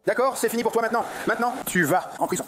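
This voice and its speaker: A man's voice: very high-pitched, very fast, a bit bright. A male police officer giving stern commands during an arrest at an airport. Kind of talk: dubbed bodycam footage. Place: airport security area. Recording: clear background noise and clicks.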